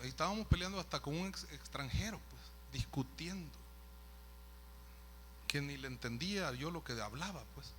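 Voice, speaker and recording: A man's voice: on the high side, pushed and bright, slight background noise. A man, a pastor telling a story in a sermon, conversational with asides to the listeners. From El Salvador. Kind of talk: sermon testimony.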